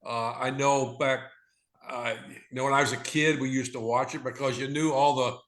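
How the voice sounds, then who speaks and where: An older man with a Southern accent, a former pitcher, looking back on his playing days in a halting, casual way. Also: flat delivery, a bit bright. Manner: halting, many restarts, easy laughs. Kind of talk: casual reminiscing chat. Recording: roomy, echoey sound.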